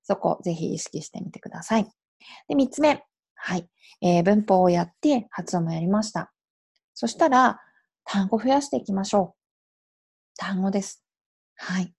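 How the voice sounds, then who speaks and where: A woman's voice: medium pitch, expressive, normal speed, vocal fry, pauses often, a little mellow, breathy edge. A Japanese woman in her thirties hosting a solo podcast as an English coach, explaining in a chatty way and dropping in little affirming asides. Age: 30s. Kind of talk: casual solo podcast advice.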